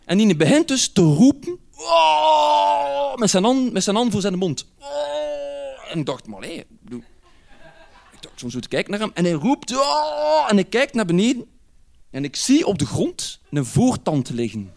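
A Flemish man from Ghent telling a personal anecdote in a lively way, laughing as he goes and using dialect words. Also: high voice, brisk. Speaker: storyteller.

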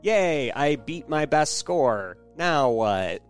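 A man's voice: fairly high pitch, very animated, slow pace, soft background music. A man co-hosting a podcast, talking casually about video games. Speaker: podcast co-host.

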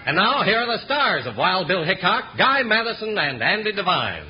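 A man's voice: high-pitched, big pitch swings, moderate pace, breathy edge. An American man reading credits and sponsor lines as an old radio announcer, with a polished, emphatic showman delivery. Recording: dull vintage radio recording with music.

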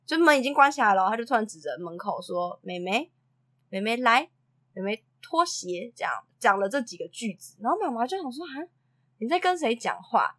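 A woman tells anecdotes in a casual chat. Her voice sits a little high and swoops a lot as she acts out the quotes. She laughs often between lines. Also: sing-song, quick pace, a bit bright, husky. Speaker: preschool teacher and podcast co-host.

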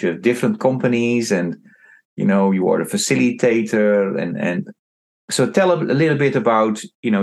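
A man's voice: on the low side, gravelly, darkish tone. Encouraging male interviewer. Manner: encouraging, with frequent backchannels.

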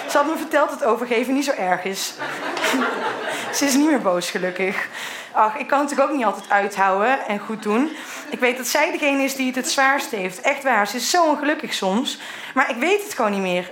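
A woman's voice: on the high side, a bit bright, a little hiss or hum. A middle-aged woman reading her old teenage diary entries aloud in a candid way, sometimes laughing at what she wrote. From Netherlands.

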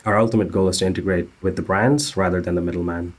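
A man with a low, deep voice answers interview questions as a company founder. He talks earnestly and technically, often pausing on "uh" as he explains. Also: steady tone. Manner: earnest, technical, with frequent "uh" fillers. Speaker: startup founder.

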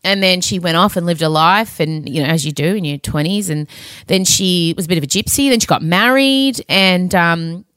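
A woman's voice: lowish voice, moderate pace, fairly bright tone, clear, resonant tone, dry recording. An Australian woman hosting a podcast in a casual, candid chat, cheeky and effusive. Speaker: podcast host. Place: home, close dry recording.

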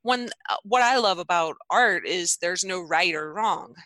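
Casting: female artist chatting casually, bright forward tone, thoughtful and encouraging, dry close sound. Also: on the low side, animated, a little slow, dry recording. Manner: reflective, encouraging. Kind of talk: casual conversation.

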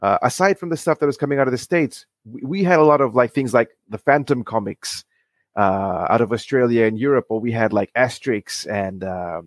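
Friendly halting man from Fiji. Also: mid-range voice, no echo, clean studio sound. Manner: friendly, halting, many restarts. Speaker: guest, comic creator. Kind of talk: casual interview.

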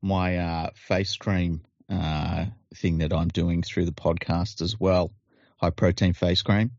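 Deadpan low-voiced man. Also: slow pace, vocal fry, dry recording, dull audio. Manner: deadpan, teasing, sweary. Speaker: podcast co-host. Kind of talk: casual chat.

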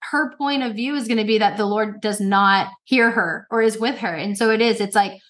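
A woman's voice: medium pitch, moderate pace, a bit bright. Encouraging woman explaining faith topics. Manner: encouraging, explanatory, uses "like" fillers. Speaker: podcast co-host. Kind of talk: casual faith chat.

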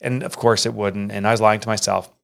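A middle-aged man, an author and entrepreneur, telling a personal story in an interview in an earnest, emotional way, jumping up in pitch when he quotes people. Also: flat delivery, quick pace, creaky, a bit bright.

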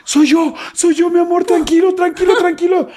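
A man voicing a frantic woman calming her partner. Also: very high-pitched, moderate pace, voice pushed up. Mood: pleading.

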